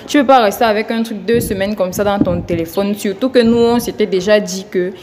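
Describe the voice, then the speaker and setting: A woman's voice: mid-range voice, fairly quick, big-room sound, background noise. An upset woman arguing insistently with her sister during a street interview, outdoors. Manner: upset, insistent, repeats herself. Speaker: girlfriend confronted in a street loyalty test. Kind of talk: heated street confrontation.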